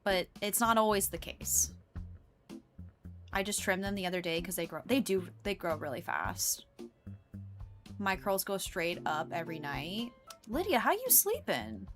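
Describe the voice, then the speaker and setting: A woman's voice: on the low side, sing-song, a little slow, pauses often, over music. An American woman chatting casually to viewers on a game livestream, rambling playfully from one remark to the next. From United States. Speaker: live game streamer.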